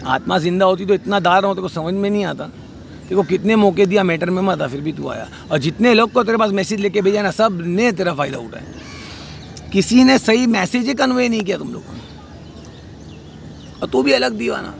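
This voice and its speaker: A man's voice: sits high, lively intonation, brisk, creaky, a little hiss or hum. A man delivering a heated, scolding rant about a family dispute, outdoors by a street. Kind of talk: angry spoken rant.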